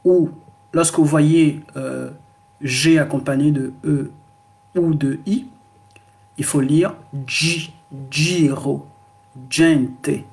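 A man gives a classroom lesson in a slightly raised voice with a gravelly edge. He talks at a slow, deliberate pace. He keeps repeating himself and fills the gaps with hesitant sounds. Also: a little high, fairly even intonation, a little mellow. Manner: slow, repetitive explaining with frequent fillers. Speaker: language teacher.

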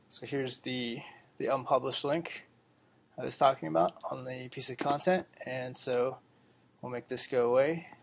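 A man presents his own project at a meetup, talking loosely and filling pauses with plenty of uhs. His voice has a gravelly, fry-tinged edge. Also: medium pitch. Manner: relaxed, lots of uh fillers. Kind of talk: casual tech demo talk. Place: meeting room.

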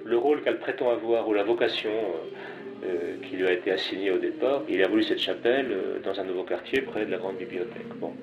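Speaking briskly in a low, gravelly voice, a male interviewee comments off the cuff about a chapel, stumbling through fillers and restarts. The sound is lo-fi, and noisy ambience fills the background.

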